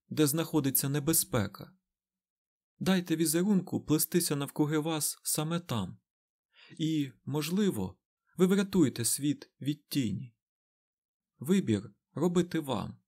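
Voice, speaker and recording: A man voicing a commanding, calm female sorceress in an audiobook, speaking in a measured, solemn way. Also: on the high side, pitched above the performer's own voice.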